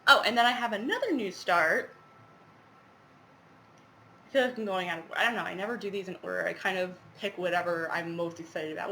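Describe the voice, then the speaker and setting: A woman with a fairly low, sharp-toned voice and a stuffy head cold casually shows her stitching projects as a cross-stitch vlogger. She rambles with lots of fillers, and the rough recording carries slight background noise.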